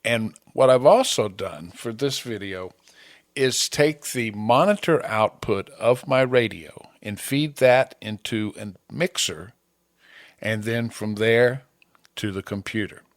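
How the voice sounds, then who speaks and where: A fairly low-voiced man narrates a scripted amateur radio tutorial in short, clear, plain statements at a measured pace. He's close to a broadcast-style podcast microphone, and the recording is dry with little room sound.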